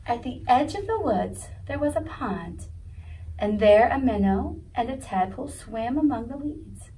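A woman's voice: fairly high pitch, animated, unhurried, dark tone, recorded from a distance, rough recording. A woman leading a children's story time, reading a picture book aloud in a sing-song voice and asking the kids questions. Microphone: video recording.

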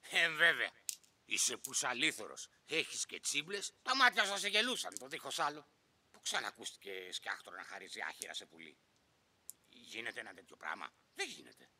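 A man playing a grumpy, blustering village bird-catcher in a children's radio play, grumbling and quick to rage. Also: fairly high pitch, very animated, bright, forceful tone, full character voice. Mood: scoffing.

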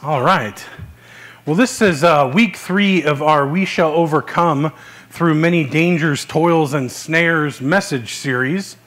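A man giving a Sunday sermon as pastor, talking in a relaxed, conversational way with many "uh" fillers. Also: a little high, slow pace. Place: church service, live-streamed.

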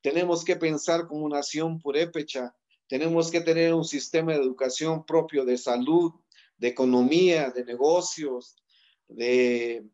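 A man's voice: on the high side, steady tone, measured pace, a little mellow. Impassioned man, dull lo-fi sound. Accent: Mexican Spanish. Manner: rhetorical, listing in rhythmic repetitions. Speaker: speaker at a community forum. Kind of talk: impassioned public talk.

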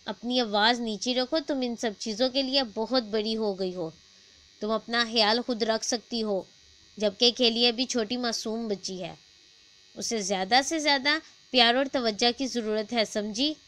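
A woman's voice: fairly high pitch, fairly bright tone, lightly acted. A woman voicing an emphatic young mother. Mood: angry. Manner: emphatic, raised dialogue voice. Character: harried adult mother of two young daughters. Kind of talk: storybook dialogue.

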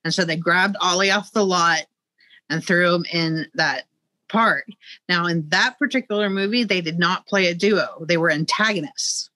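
A middle-aged woman talks over a video call from inside a museum. Her voice is bright and sharp, and she comes across as knowledgeable but pauses with frequent ums. The sound is dry, with very little room. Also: fairly low pitch, no room sound. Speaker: museum guide. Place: museum exhibit room, indoors. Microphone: video call, webcam.

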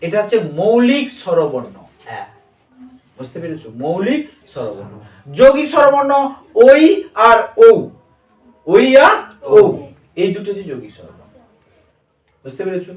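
A man's voice: sits high, wildly swooping pitch, moderate pace, long pauses. A male teacher giving a grammar lesson to a class. He drills the students with call-and-response questions and repeats their answers back. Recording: echoey room, mic far off.

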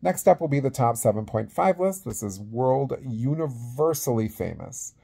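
A man in his forties speaking as a casual awards presenter, halting and conversational, into a phone held at arm's length in a small room. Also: mid-range voice, animated, vocal fry, warm tone, husky. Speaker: vlog host presenting awards. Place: small indoor room with plain wall.

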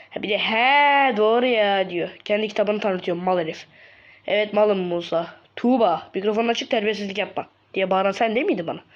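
Exasperated rambling woman, lo-fi sound. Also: medium pitch. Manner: rambling, exasperated, shouts into the phone. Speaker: comedy sketch creator. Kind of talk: solo absurd comedy sketch. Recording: dull lo-fi recording.

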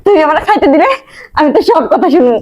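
An actress playing a hungry, childlike homeless madwoman who begs insistently for food, in a whiny, shrill voice. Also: lively intonation, fast talker, a little mellow. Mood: pleading. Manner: begging insistently.

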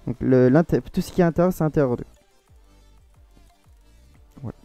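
In a screen-recorded modding tutorial, a Frenchman with a French accent narrates in a very dark, mellow voice of medium pitch at a moderate pace. He rambles, hesitates and corrects himself along the way, with faint music underneath and a dry recording.

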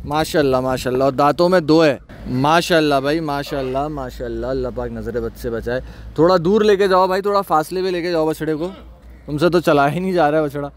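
A man with a Karachi Urdu accent, a slightly high voice, commenting off camera on cattle at an outdoor farm. He keeps saying mashallah and calls out orders to the handlers. Faint outdoor noise with passing vehicles sits behind him. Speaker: cattle market vlogger. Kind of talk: off-camera commentary showing livestock.

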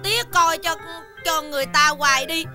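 A woman's voice: high voice, moderate pace, close to an everyday voice. A woman playing a whiny unmarried daughter. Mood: complaining. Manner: complaining, pleading. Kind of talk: comedy sketch acting. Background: background music.

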